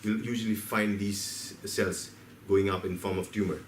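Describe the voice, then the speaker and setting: With a lowish voice and flat delivery at a moderate pace, an Indian man presents a seminar in a meeting hall, telling stories, questioning the audience, and acting out his cells. Slight background noise and faint ambience come through, recorded from a distance in the roomy hall.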